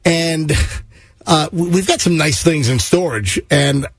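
A man's voice: fairly high pitch, animated, unhurried, husky, dry recording, studio quality. A man hosting a morning radio show in casual banter, chatty, jocular and rambling.

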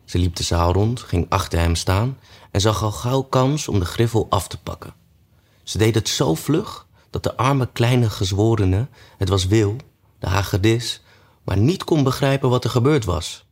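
Low-voiced man reading a storybook. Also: unhurried. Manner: relaxed reading with frequent "eh" fillers. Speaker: narrator.

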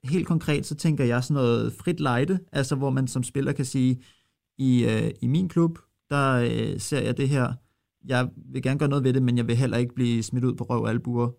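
Male reporter, creaky voice, hesitant questioning. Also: medium pitch, fairly even intonation, a little mellow. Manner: thinking aloud, hesitant. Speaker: radio reporter. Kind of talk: recorded radio interview.

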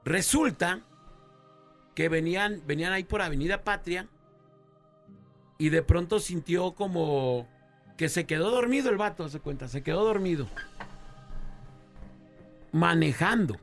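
A man's voice: fairly high pitch, a little slow, long pauses. Slangy Mexican radio host man. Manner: slangy, animated narration. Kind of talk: casual storytelling. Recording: radio studio with faint music.

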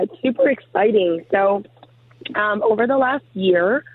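A woman's voice: medium pitch, no echo. Woman on a tinny AM-radio-like phone line. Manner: chatty, many fillers like um and you know. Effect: narrow lo-fi phone-line sound, like AM radio. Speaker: program founder, radio guest. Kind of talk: casual radio interview. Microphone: phone call into the studio.

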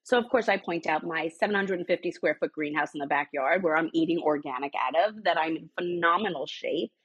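A middle-aged woman, a beauty brand founder, telling her story in a lively, sassy way in an interview. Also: low-pitched, brisk, husky, muffled recording. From United States.

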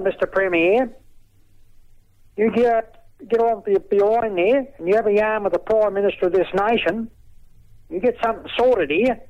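A man with a broad Australian accent and a blokey tradesman's manner, giving earnest, emphatic opinions in folksy slang as a talkback caller. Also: sits high. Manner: earnest, plain-spoken, emphatic. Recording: dull, lo-fi phone-in over radio.

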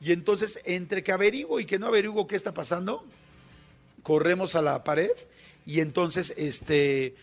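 Mexican man, higher-pitched storyteller. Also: moderate pace, soft background music. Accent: Mexican Spanish. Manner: colloquial, animated storyteller with many fillers. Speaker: radio guest. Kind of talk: storytelling in a radio interview.

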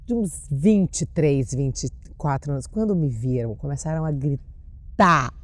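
A woman's voice: sits low, unhurried. A Brazilian woman in her forties, an actress guest telling casual stories and acting out the people she quotes. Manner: animated, acts out quotes with shrieks. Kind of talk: casual storytelling.

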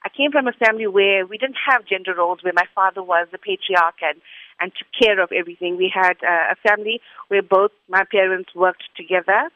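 This interview guest is a school academic director, a woman from South Africa in her 40s, replying earnestly and articulately. She talks briskly at a medium pitch, on a recording that sounds dull, lo-fi and dry.

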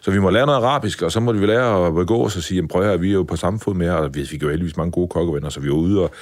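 Deep-voiced blunt storytelling man. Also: dry recording, clean studio sound. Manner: lively, blunt, mild swearing. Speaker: chef, interview guest. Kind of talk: casual storytelling in a podcast interview.

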